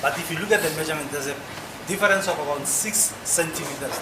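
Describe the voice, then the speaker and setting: A man testifying as an expert witness under cross examination, explaining technical points in a formal, measured way. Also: a little high. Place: courtroom. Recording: echoey, noisy courtroom recording.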